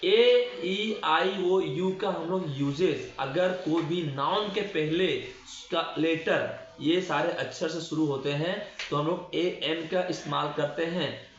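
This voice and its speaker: A man's voice: fairly high pitch, slow. A male teacher giving a classroom-style grammar lesson. He keeps asking rhetorical questions and answering them himself, and he draws words out when he spells them. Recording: echoey room, dull lo-fi sound.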